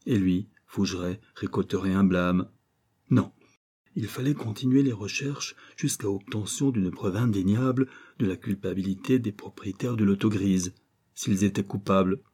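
A male narrator reading a crime novel aloud, measured and dramatic. His voice is low, dark and mellow, with a husky grain. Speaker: audiobook narrator.

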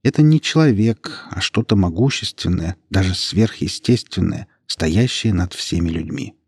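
A man narrating a story in a steady, even reading voice. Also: low voice, moderate pace, breathy edge, dry recording, studio quality. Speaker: audiobook narrator. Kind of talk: scripted narration.

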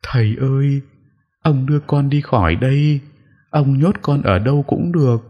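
A wailing young ghost girl in a spoken horror tale, a man putting her on, her voice pitched high and tearful. She draws her words out slowly. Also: expressive, husky, long reverb tail, lo-fi sound, full character voice. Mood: pleading. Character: wailing young female ghost, vengeful then pleading.

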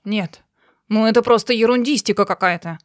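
A woman voicing a fussy, excitable young male archivist who talks fast and mocks others. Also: medium pitch, no echo, clean studio sound, natural voice. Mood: indignant. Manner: frantic, talkative, mocking.

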